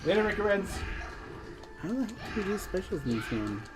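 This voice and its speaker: A woman hosts a casual gameplay stream, reading viewer chat aloud while laughing and swearing at the game, with game music playing behind her. Her medium-pitched voice is very animated and brisk.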